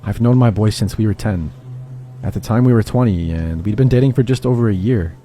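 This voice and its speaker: Low, dark-voiced male horror narrator. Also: fairly quick, soft background music. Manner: steady first-person storytelling. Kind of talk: scripted horror story narration.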